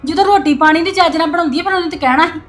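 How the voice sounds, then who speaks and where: A woman's voice: very high voice, very fast, soft background music. A woman playing a mother-in-law in a family drama, scolding and defensive. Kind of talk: scripted family drama acting.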